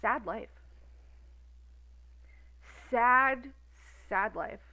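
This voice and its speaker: A woman's voice: on the high side, animated, very slow, bright, forceful tone, rough recording. A woman in her thirties ranting on a stream in a profane, sarcastic, exasperated way. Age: 30s. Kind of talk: casual ranting commentary.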